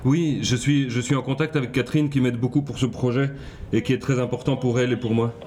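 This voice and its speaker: Fast-talking man reporting outdoors. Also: medium pitch, steady tone, darkish tone. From Belgium. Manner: polite and insistent. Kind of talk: documentary field reporting.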